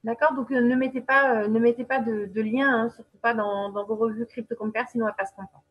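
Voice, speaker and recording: A woman's voice: fairly high pitch, steady tone, fairly quick, lo-fi sound. A woman presenting a webinar, explaining a website step by step in a chatty way, with many fillers and check-ins to her viewers. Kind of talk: screen-share software walkthrough.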